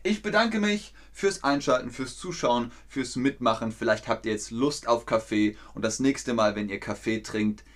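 A man teaching an online German lesson to learners, speaking slowly and clearly, repeating words and quizzing his viewers. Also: mid-range voice. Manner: lively, with quiz questions to viewers.

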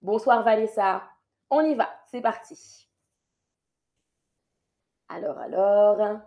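A woman's voice: medium pitch, takes it slowly, vocal fry, highs cut off. A woman teaching French on a live stream, reading viewers' sentences and patiently correcting them, often repeating her instructions.

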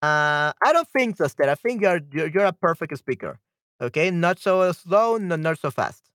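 A man hosting a live-stream language lesson, cheerful and quick to laugh, repeating phrases slowly and switching between two languages. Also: a little high, lively intonation, fairly bright tone, clean tone, dry recording, studio quality.

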